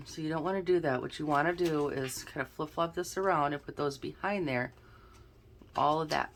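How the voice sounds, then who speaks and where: Musing aloud over her tarot cards, this channel host has a strikingly deep, low voice that's slightly snuffly and congested. She keeps a relaxed, conversational tone at a moderate pace, with a faint hiss or hum underneath.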